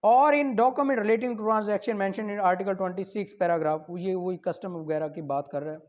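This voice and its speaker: A high-pitched man with a Pakistani accent takes his time delivering a law lecture, reading out articles and clarifying them with rhetorical questions and examples. It's captured on dull, lo-fi audio.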